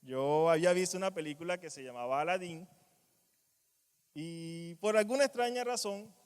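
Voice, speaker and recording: A man preaching a sermon in a church, animated, acting out quoted cries and dropping to quiet asides. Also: a little high, moderate pace, smooth. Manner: animated, acts out quoted voices, strong swings in loudness. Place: church hall. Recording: long church reverb.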